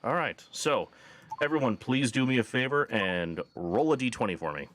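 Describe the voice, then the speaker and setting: A man running a tabletop game as game master, joking and relaxed, sometimes stumbling over words. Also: medium pitch, moderate pace, slight background noise. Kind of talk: casual game hosting.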